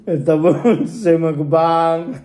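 A man's voice: a little high, takes it slowly, mellow. A man chatting casually and playfully to viewers during a mukbang, chewing while he talks. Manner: playful, joking, addresses viewers directly. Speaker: mukbang vlogger.

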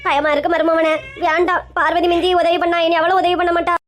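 A woman's voice: extremely high pitch, flat delivery, fast talker, a little hiss or hum. A woman with a Kanyakumari Tamil accent voicing a scheming, bossy elderly mother-in-law in a comic family sketch. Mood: coaxing. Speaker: comedy sketch creator.

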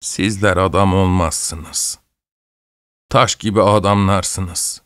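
A man voicing a scornful, stern old woman who scolds slowly and low in an audiobook. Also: steady tone, fairly bright tone, clear, resonant tone, dry recording, clean studio sound.

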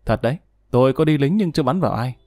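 A man's voice: mid-range voice, lively intonation, quick pace, darkish tone, dry recording, natural voice. A condemned killer waiting to be shot, gloomy and self-pitying, as a male storyteller plays him. The voice sits in the narrator's own mid-range, read dry and close to the mic. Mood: remorseful. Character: condemned male murderer, remorseful and bleak.

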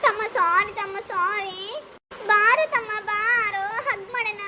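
A woman voicing a gushing cartoon girl with a squeaky, extremely high voice. She is all big feelings and quick tears. A clear hiss from the home recording runs under her. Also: steady tone, pushed and bright, heavily acted. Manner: gushing, overly emotional. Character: excitable girl, big sister and hostess. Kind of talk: animated cartoon skit voice.

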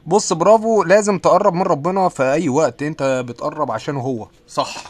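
A man's voice: fairly high pitch, brisk. A young man with an Egyptian accent, chatting casually on a live stream while sick, reading viewer comments aloud and answering with self-mocking jokes. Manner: self-mocking, laughs often. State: sick, with occasional coughing.

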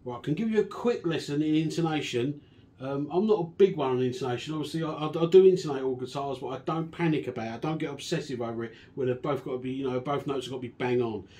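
A man casually walking through a guitar restoration and explaining each step in a relaxed, chatty way. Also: medium pitch, fast talker, husky. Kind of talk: casual workshop demonstration.

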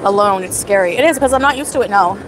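Talking fast with an expressive, medium-pitched voice, a woman in her thirties streams live from a night market. She eats as she chats, reading out the names of people in her chat. Her arm's-length phone picks up loud background music and noise.

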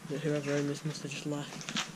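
A man's voice: on the high side, monotone, normal speed. A teenage boy casually narrating a walkthrough of an abandoned building, filling his talk with "like" and "guys". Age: teens. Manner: loose, filler-heavy commentary with many "like" and "guys". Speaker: urban explorer vlogger. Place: abandoned building, indoors and outdoors. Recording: loud background noise.

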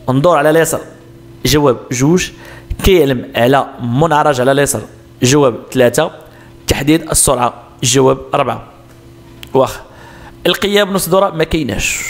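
A man with a Moroccan Arabic accent explaining road sign exam answers step by step, asking questions and answering them himself. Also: medium pitch. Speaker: driving instructor.

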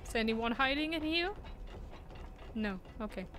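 A slightly high, expressive voice belongs to a young streamer with a German accent who talks a little slowly. She chats and laughs as she plays, reading chat aloud and responding to it.

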